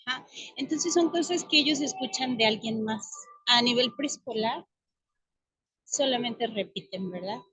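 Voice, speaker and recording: A soft-spoken woman talks slowly and hesitantly, pausing often on fillers. Her fairly high voice comes through dry and close over a video call. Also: breathy edge, no room sound, low-quality recording. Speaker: preschool teacher. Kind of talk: online forum comment.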